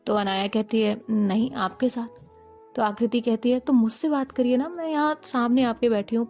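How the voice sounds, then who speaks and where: A woman's voice: a little high, darkish tone. A woman narrating a romance story and reading both characters' dialogue herself in her own voice. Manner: reads every line with plain narration and quoted dialogue in the same voice.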